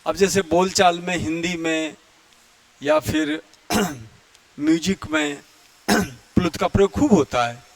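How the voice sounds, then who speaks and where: A man teaching Hindi grammar in a lecture, who often clears his throat and sings out vowels to show how they sound. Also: sits high, big pitch swings, no echo. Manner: explains slowly, chants vowels and Sanskrit verse to demonstrate. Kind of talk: classroom lecture.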